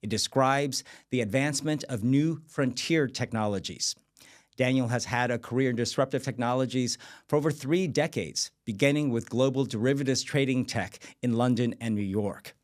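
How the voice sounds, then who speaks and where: A man in his fifties hosts an interview in a middle-pitched voice. He reads polished introductions and asks his guest probing questions. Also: moderate pace. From Vietnam, raised in the United States. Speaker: host. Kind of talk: interview host.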